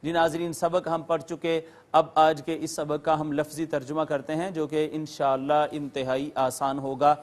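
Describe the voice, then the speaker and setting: A man with a notably high voice gives a recorded lesson to viewers. He explains patiently, word by word, and slows down to recite each term with care. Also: flat delivery. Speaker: Quran teacher. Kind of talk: recorded classroom lecture to viewers.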